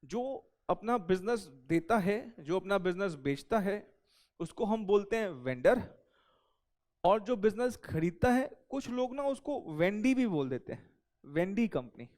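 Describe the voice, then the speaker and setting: High-voiced man teaching accounting. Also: animated, unhurried, a little mellow. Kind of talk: recorded classroom lecture.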